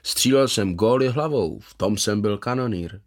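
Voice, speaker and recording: A man voicing a gentle, contented former footballer in his fifties, who talks eagerly and proudly about his past. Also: lowish voice, close to an everyday voice. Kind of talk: voiced character in a read story.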